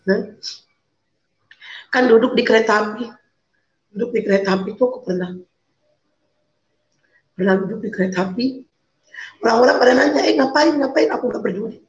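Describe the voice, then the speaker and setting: Emotional woman, high voice. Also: brisk, pauses often. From Medan, North Sumatra. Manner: emotional, pleading, repeats phrases. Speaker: guest. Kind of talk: emotional personal testimony. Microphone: video call. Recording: roomy, dull video-call audio.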